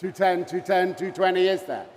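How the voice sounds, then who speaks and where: A high-voiced man runs a live sale as a fine art auctioneer. He repeats figures in a rolling chant and speaks courteously to bidders. His voice rings through a hall with long reverb. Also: moderate pace. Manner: repetitive chant of bids, courteous asides to bidders. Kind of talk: live auction bid-calling.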